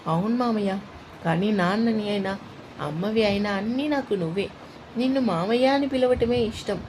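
A woman's voice: medium pitch, moderate pace, darkish tone, a little hiss or hum, lightly acted, poor audio. A woman as an earnest young niece, tender and hopeful. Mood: tender pleading. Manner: tender, pleading, emotional. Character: young woman, eager hopeful medical student, affectionate niece.

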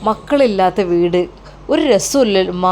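A woman lowering her voice for a young grown son who comforts his worried mother, steady and earnest. His tone sits noticeably deeper than her own in a storybook tale. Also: measured pace, slight background noise, natural voice. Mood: soothing. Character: young adult male son, calm and reassuring.

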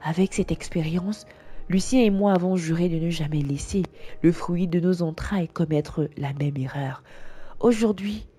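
Woman, first-person story narration, earnest, mellow tone, faint background music. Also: fairly low pitch, moderate pace, slightly rough.

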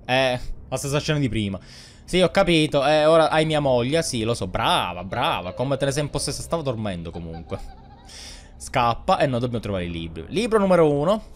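A man's voice: medium pitch, animated, fairly quick, a little hiss or hum. A man with an Italian accent giving sarcastic, chatty commentary while playing a horror game, talking back to the ghost. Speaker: gaming YouTuber.

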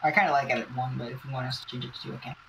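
A man's voice: mid-range voice, flat delivery, racing, gravelly, highs cut off, crowd noise. A man playing a firefighter in an online game, mixing casual gamer chat with short radio-style call-outs. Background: game vehicle noise and ambience.

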